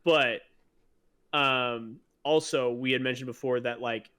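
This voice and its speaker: A man's voice: mid-range voice, steady tone, slow, bright, forceful tone, smooth. A man co-hosting a casual sports podcast, rambling with many fillers and restarts, enthusiastic as a fan. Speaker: podcast co-host.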